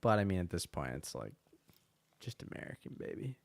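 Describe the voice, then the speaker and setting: A man's voice: sits low, big pitch swings, fairly quick, vocal fry, dry recording. A young man from North Carolina, guesting on a casual podcast, joking bluntly and laughing. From Asheville, North Carolina. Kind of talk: casual chat.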